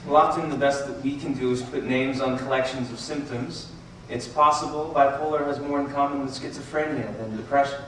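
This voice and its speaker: An actor playing a calm male psychiatrist who asks measured, coaxing questions on a theater stage. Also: mid-range voice, slight background noise, lightly acted. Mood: calm probing. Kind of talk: stage musical acting. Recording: distant echoey theater bootleg, live band.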